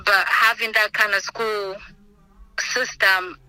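Over a remote video call, a student from Senegal in her 20s responds to oral history questions in an earnest, thoughtful way, often saying um and restarting. Her mid-range voice is slow, steady, pushed and bright. The audio is poor but has no echo.

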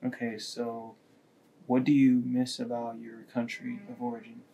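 A man conducting an oral history interview, asking short questions in a flat, level tone. His voice is dark and mellow, and there is a faint hiss of background noise. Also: medium pitch, a little slow, creaky, lo-fi sound. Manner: reads short questions plainly. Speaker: student interviewer.

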